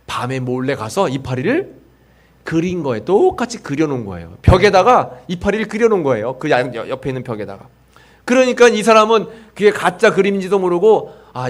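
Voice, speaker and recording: A male pastor gives an afternoon sermon with a somewhat high-pitched voice. He swings between loud, acted-out complaints and quiet teaching, and leads the people in repeating lines back to him. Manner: leads the congregation in call-and-response, acts out grumbling voices.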